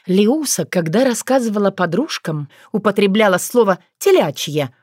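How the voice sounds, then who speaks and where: A woman's voice: mid-range voice, darkish tone, no echo, studio quality. Woman narrating an audiobook.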